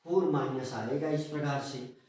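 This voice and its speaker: A male chemistry teacher giving a classroom lecture. He repeats key terms, asks his students questions and answers them himself, often checking in with a quick tag question. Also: a little high, darkish tone. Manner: slow, repetitive, asks questions then answers them, frequent "है ना?"; addresses students as children. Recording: echoey room, voice from a distance.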